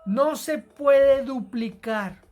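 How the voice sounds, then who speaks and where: A woman teaching an English grammar lesson to Spanish-speaking students, explaining rules patiently and repeating key words slowly. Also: sits high, dark tone, soft background music. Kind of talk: recorded grammar lesson narration.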